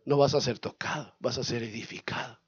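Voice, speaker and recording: A male pastor, preaching a sermon in an animated way, asking questions and acting out scenes. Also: mid-range voice, a little fast, husky, dry recording, dull audio. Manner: animated, asks the congregation questions, acts out scenes.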